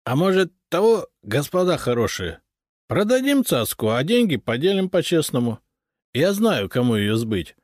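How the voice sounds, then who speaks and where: A man's voice: on the high side, big pitch swings, moderate pace, no echo, clean studio sound, pitched above the performer's own voice. A man voicing a sly, boastful male drunkard who stammers and wheedles. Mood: wheedling.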